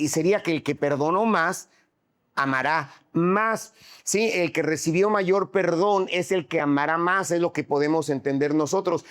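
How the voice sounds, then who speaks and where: A man preaching a sermon, asking frequent rhetorical questions and repeating phrases for emphasis. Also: fairly high pitch.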